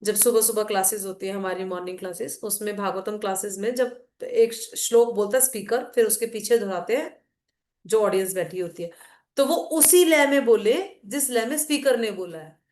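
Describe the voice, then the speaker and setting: A woman's voice: mid-range voice, normal speed, a little mellow, roomy sound. A middle-aged woman teaching a devotional class in a casual, conversational way, explaining with anecdotes and asides. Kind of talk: casual Hindi class talk mixing English.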